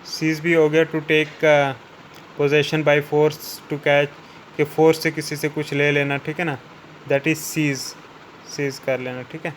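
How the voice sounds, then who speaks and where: Flat-voiced man teaching vocabulary. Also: fairly high pitch, a little hiss or hum, poor audio. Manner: repeats "ठीक है ना" after each point, slows down for English definitions. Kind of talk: explaining word meanings in Hindi.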